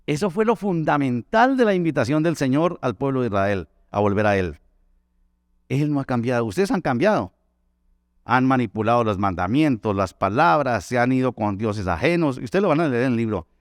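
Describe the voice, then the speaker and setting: Impassioned pastor, lively pitch. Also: male voice, moderate pace, no room sound, clean studio sound. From Colombia. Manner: impassioned, swings between loud pleading and soft low tones. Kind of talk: sermon.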